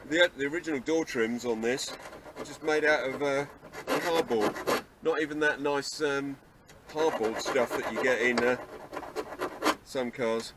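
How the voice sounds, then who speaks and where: A man's voice: medium pitch, unhurried, noisy background. A man restoring an old car, talking casually through his work with lots of restarts and wry asides. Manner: rambling, self-deprecating, restarts often. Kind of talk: casual workshop how-to vlog.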